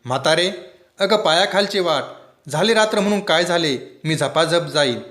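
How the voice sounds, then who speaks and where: A man's voice: fairly high pitch, lively intonation, normal speed, fairly bright tone, pitched above the performer's own voice. A fearless, stubborn village landlord waving away every warning, as a male reader puts him on. His lines come firm and a touch raised from a storybook reading. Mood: dismissive.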